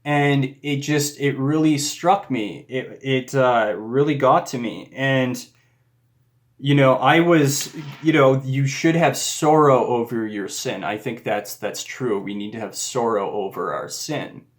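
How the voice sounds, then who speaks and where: A man's voice: mid-range voice, slow. A man talking casually and earnestly about a personal faith experience, rambling with frequent restarts. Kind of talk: casual reflective monologue.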